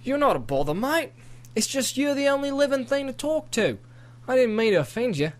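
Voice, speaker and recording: A man's voice: very high-pitched, very animated, fairly quick, voice pushed up. A man voicing a friendly, chatty male dragon with a put-on Australian accent in an amateur audiobook.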